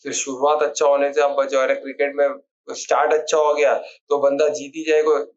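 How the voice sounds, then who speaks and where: A man's voice: medium pitch, completely flat delivery, a little fast, darkish tone, lo-fi sound. A man giving an informal spiritual talk on scripture, asking rhetorical questions and repeating key words. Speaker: spiritual teacher explaining scripture. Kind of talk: informal Hindi discourse on scripture.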